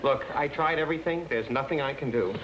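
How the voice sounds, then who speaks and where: An actor playing an excitable young husband and comic-book artist in a 1960s sitcom, talking fast and anxiously. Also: male voice, medium pitch, over a noisy crowd, natural voice. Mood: excited. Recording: noisy TV audio, loud studio audience.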